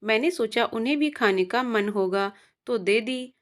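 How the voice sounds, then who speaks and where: A woman voicing a sharp-tongued young wife who taunts her sister-in-law, read with sarcasm. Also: on the high side, a little slow, natural voice. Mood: taunting.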